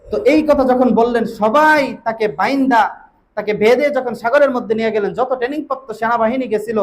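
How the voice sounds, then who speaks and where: High-voiced chanting Bengali preacher. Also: male voice, fast talker. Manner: chanting, sing-song delivery with loud exclamations. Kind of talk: Bengali waz sermon storytelling.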